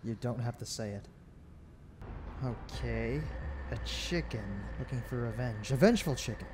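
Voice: medium pitch, normal speed, noisy background, lightly acted. An actor playing an earnest, exasperated young detective partner in a comedic short film. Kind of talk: comedic student film acting.

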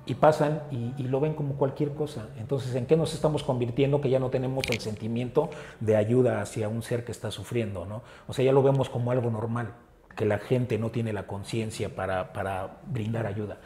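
A man with a Mexican Spanish accent talks earnestly in an interview, leaning on filler words as he gathers his thoughts. His voice is warm and mellow. The room adds a clear echo, with faint ambient noise behind him. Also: mid-range voice, steady tone, normal speed. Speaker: animal rescue group founder. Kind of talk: casual interview talk.

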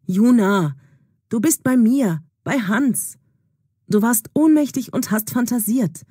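A woman's voice: a little high, expressive, takes it slowly, slightly rough, no room sound, clean studio sound, voice pushed up, exaggerated voice. A woman voicing a caring young man in a storybook, speaking firmly and soothingly. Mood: reassuring. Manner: firm and soothing, louder than the narration.

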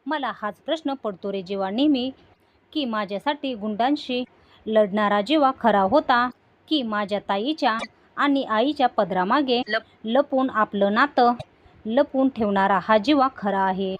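Casting: bitter, sarcastic young woman confronting her ex as a female recap narrator reads her, slightly high. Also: measured pace, muffled recording, close to an everyday voice. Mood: bitter taunting. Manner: bitter, taunting retelling. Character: young woman, hurt and jealous lover.

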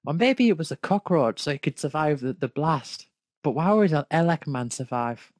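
This clip has a darkish, medium-pitched voice with lively intonation and a moderate pace, captured at studio quality without echo. The speaker reads fan fiction out loud, pausing to poke fun at it and question it in spontaneous, amused commentary.

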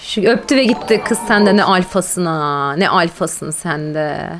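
A woman's voice: on the low side, expressive, normal speed, a bit bright, slight background noise. A woman streamer chatting casually while playing a game, exclaiming and cooing at her pets and talking to viewers. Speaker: gaming streamer. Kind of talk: casual live-stream gameplay chat.

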